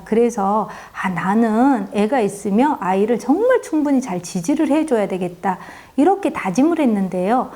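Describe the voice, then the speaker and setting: A woman talks to the camera about raising children, earnest and confessional. Her voice sits a little high but stays mellow and warm. She leans gently on the ends of her phrases as she advises other parents. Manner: earnest and confessional, softly stressing phrase endings. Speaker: parenting educator and mother.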